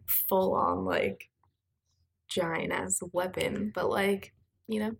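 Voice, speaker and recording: A woman's voice: medium pitch, steady tone, slow, creaky, slightly rough. A woman co-hosting a podcast in casual, laid-back, slangy chat. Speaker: podcast co-host. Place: at home in an apartment.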